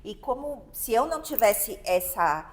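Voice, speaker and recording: A woman's voice: on the high side, sing-song, measured pace, a crowd in the background. Reflective Brazilian woman, podcast co-host. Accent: Brazilian Portuguese. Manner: reflective, conversational, seeks agreement. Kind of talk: casual chat.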